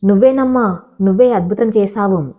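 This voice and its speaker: A woman's voice: mid-range voice, normal speed, warm tone, natural voice. Woman reading a choked-up loving old father. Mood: moved.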